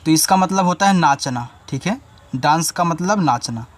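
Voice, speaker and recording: A man teaching an English spelling lesson, patiently spelling each word out letter by letter and repeating each meaning twice. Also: expressive. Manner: spells words out letter by letter slowly, then says the word lower and quieter.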